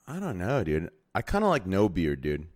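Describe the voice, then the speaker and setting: A man's voice: low-pitched, wildly swooping pitch, normal speed. A man hosting a casual podcast chat, talking loosely with lots of fillers. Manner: loose, filler-heavy, sing-song.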